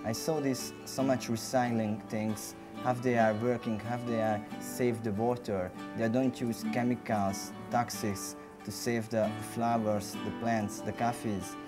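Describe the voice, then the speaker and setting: Male, Hungarian accent, non-native halting English, mid-pitched, informal interview over soft music. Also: level tone. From Budapest, Hungary. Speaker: competition barista.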